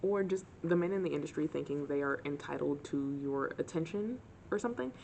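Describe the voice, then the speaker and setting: Gravelly-voiced sarcastic young woman. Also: low voice, brisk, a little hiss or hum. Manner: sarcastic, animated storytelling. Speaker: vlogger. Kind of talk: casual storytime chat.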